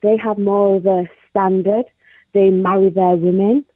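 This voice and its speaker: This caller to a live talk show is a woman from South Yorkshire, England, with the local accent, speaking in a steady, unhurried mid-range voice. Her casual, laugh-filled chat comes through a tinny phone connection.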